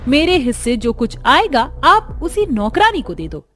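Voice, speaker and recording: A woman voicing a touchy young unmarried woman who takes offense quickly and talks in an indignant, raised voice. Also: high-pitched, sing-song, fairly bright tone, faint music behind, voice pushed up, exaggerated voice.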